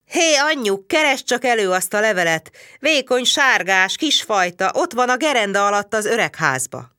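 A woman voicing a gruff, hot-tempered middle-aged barbarian man who growls and blusters, in a storybook reading. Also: fairly high pitch, big pitch swings, bright, forceful tone, no room sound, clean studio sound, pitched above the performer's own voice. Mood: blustering.

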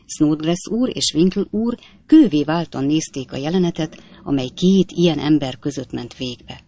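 A man reading a classic novel aloud in a measured, even literary narration, recorded close. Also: fairly high pitch. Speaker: audiobook reader.

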